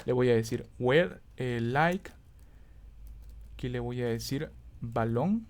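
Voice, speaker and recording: Casting: male instructor, mid pitch, patient step-by-step lesson, frequent check-ins, thinks aloud and self-corrects. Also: animated, slow. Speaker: teacher. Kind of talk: screen-recorded coding lesson.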